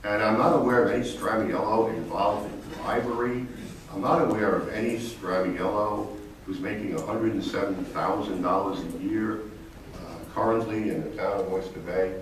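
A man's voice: on the low side, normal speed. A man serving as town supervisor, answering a resident at a public meeting in a defensive, lawyerly way and repeating his denials. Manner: defensive, lawyerly, repeats himself while rebutting. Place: large echoey public meeting hall. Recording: echoey hall, distant mic, audible room noise.

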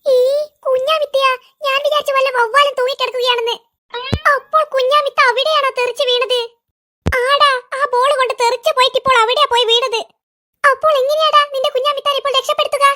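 A woman voicing chattering, curious young schoolboys in a cartoon, with quick excited kid talk. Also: extremely high pitch. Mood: startled.

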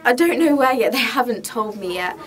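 A woman reads a mother convinced fame is finally coming, pushing each line with animated insistence. Her voice sits high, and other people's chatter runs behind the take. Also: fairly quick, lightly acted. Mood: proud, excited. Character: excited middle-aged mother dreaming of fame. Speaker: auditioning actress. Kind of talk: audition reading.

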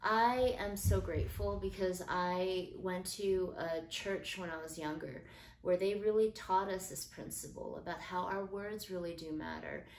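A middle-aged woman hosting a podcast, talking in a casual, earnest and gentle way about parenting and faith. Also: mid-range voice, slight background noise. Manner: earnest, gentle, uses fillers like um. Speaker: podcast host. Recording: echoey room with faint ambience.

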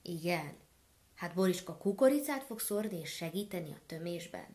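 A woman's voice: on the low side, animated, a little mellow, natural voice. A woman voicing an indignant, bossy male gander who hisses his complaints in a storybook tale. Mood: apologetic. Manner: hissing, grumbling complaints.

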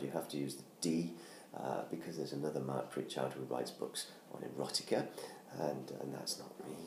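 In a casual self-made video, a middle-aged man from the United Kingdom promotes his book from his living room, a Christmas tree beside him. His rumbling low, darkish voice is hoarse from laryngitis, and he chats with many ums and restarts. A nearby tablet camera captures roomy acoustics and faint noise.

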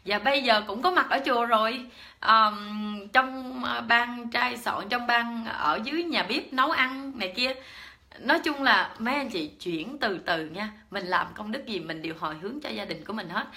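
A woman's voice: on the high side, moderate pace, bright, forceful tone. A middle-aged woman with a Southern Vietnamese accent giving a personal Buddhist dharma talk, chatty and full of fillers and repetitions as she speaks straight to her listeners. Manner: chatty, lots of fillers and repeated words, addresses listeners directly.

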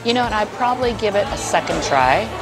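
Chatting between bites at a crowded indoor buffet, a woman casually reviews the food for the camera, exclaiming playfully. She speaks quickly in a mid-range voice with lively intonation, though the audio quality is poor. Restaurant chatter and music play behind her.

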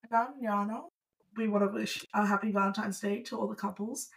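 A woman's voice: mid-range voice, fairly even intonation, brisk, vocal fry, low-quality recording. A young woman raised overseas, co-hosting a casual podcast, explaining things with frequent ums and a dry sense of humor. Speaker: podcast co-host. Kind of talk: casual chat.

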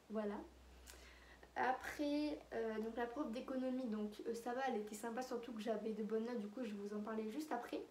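A woman's voice: fairly high pitch, steady tone, moderate pace, darkish tone, a little hiss or hum. Chatty teenage girl vlogging in an echoey room. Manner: chatty, full of fillers and asides to viewers. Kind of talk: casual chat to camera. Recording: echoey room with faint ambience.

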